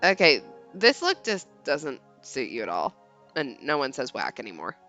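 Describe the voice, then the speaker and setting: A woman voicing a blunt, exasperated high-school boy who flatly brushes someone off, reading game text aloud. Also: moderate pace, soft background music, exaggerated voice. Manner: flat, dismissive, blunt.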